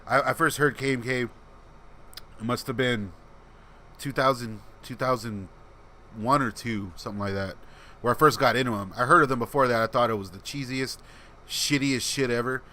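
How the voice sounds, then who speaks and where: With a medium pitch and steady tone, the host talks at a moderate pace, pausing often, his sound bright and forceful with a faint hiss or hum. He's reading and answering live chat on a casual stream, rambling in a relaxed voice that listeners call soothing.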